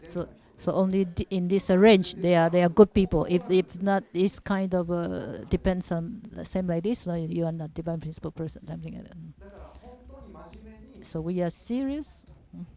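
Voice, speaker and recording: Female seminar speaker, Japanese accent, non-native and hesitant, repetitive phrasing, soft dark tone, dull lo-fi recording. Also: fairly low pitch. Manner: halting, simple non-native English with repeated phrases. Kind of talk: informal religious teaching talk. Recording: dull, muffled lo-fi audio.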